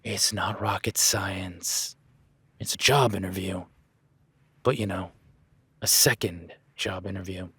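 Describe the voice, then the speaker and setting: In an exaggerated, low-pitched voice with a breathy edge, a man portrays a laid-back cowboy rancher teasingly sizing up a new ranch hand, addressing the listener directly in first-person audio roleplay and murmuring to his horse. He speaks slowly with long pauses and fairly even intonation. There's no echo.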